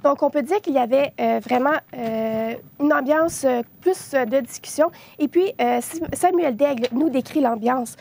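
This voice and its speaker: High-voiced woman reporting, hesitant. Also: moderate pace, gravelly, hardly any pauses, darkish tone. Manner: hesitant, many filler sounds. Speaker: social media news reporter. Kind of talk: news report.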